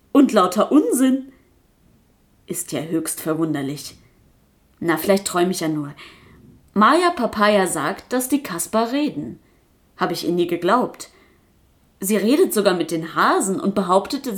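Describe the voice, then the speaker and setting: A woman playing a sensible older forester's wife in a storybook reading, speaking in a dry, matter-of-fact, gently mocking way. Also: medium pitch, sing-song, unhurried, pauses often. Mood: bemused.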